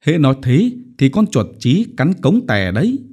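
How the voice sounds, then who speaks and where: A man voicing a young widowed mother in a storybook, gentle and scolding by turns. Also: a little high, wildly swooping pitch, moderate pace, breathy edge, voice pushed up, exaggerated voice. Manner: soothing, then sharply scolding.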